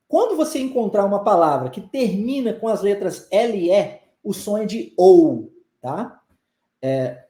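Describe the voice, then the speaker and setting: A mellow, high-voiced man with a Brazilian Portuguese accent teaches English pronunciation in a live online session, urging viewers on and drilling phrases repeatedly. The recording has a roomy sound.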